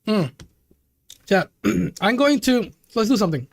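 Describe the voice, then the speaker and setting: A man's voice: high-pitched, animated, a little slow, vocal fry. A young man streaming live, chatting loosely with his viewers and calling them "dude" and "chat".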